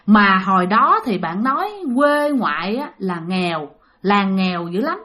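A woman's voice: medium pitch, animated, a little slow, sharp tone. A woman with a Southern Vietnamese accent telling a spooky story, chatty and talking straight to her listeners. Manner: chatty, addresses listeners directly.

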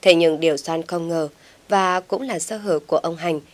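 A woman reads a dramatic village tale aloud as audiobook narration. Her voice sits somewhat low and her delivery stays steady and even. She tells the story for listeners. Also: normal speed.

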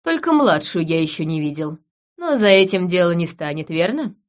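Gentle male suitor, low and soft, read by a woman narrator. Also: lively intonation, moderate pace, lightly acted. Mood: tender. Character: adult man, gentle mysterious suitor, mirror speaker.

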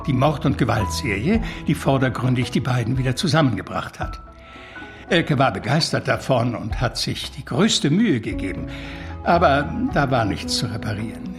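Earnest and agitated, a cultured witness from the art world justifies himself in deliberate, formal phrases, voiced by an actor in a German radio drama as an anguished figure. The male voice is medium in pitch, with vocal fry.

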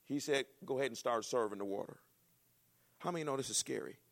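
A male pastor preaching a sermon, acting out dialogue and climbing to shouts. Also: medium pitch, fast talker. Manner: animated preaching, acts out dialogue, rises to shouts.

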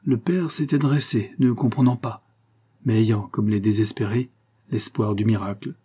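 Husky-voiced man reading a dramatic tale. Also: on the low side, steady tone, normal speed, warm tone. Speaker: narrator. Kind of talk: audiobook reading of a 19th-century tale.

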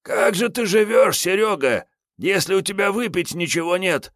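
Man doing a hungover, drink-roughened vagrant gunman. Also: high-pitched, lively intonation, moderate pace, a bit bright, no echo, clean studio sound, voice pushed up. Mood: grumbling, boorish. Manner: rude, grumbling, self-pitying. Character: hungover boorish male wasteland vagrant gunman. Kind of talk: audiobook character voice.

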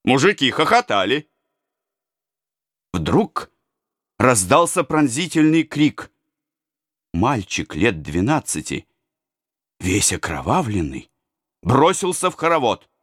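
A man narrating a historical novel as an audiobook in a measured, expressive reading. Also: medium pitch, no room sound, studio quality. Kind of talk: scripted narration.

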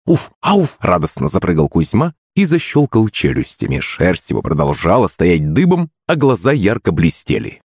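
Lively male audiobook narrator, dry sound. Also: sits low, normal speed, hardly any pauses, husky, dry recording. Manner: lively, acted storytelling. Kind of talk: first-person scripted narration.

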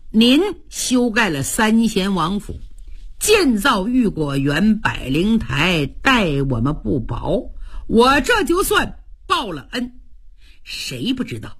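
A woman's voice: medium pitch, fairly bright tone, breathy edge, exaggerated voice. A woman voicing a sly, cocky young male general who taunts his rival in a storytelling broadcast. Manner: smug, taunting.

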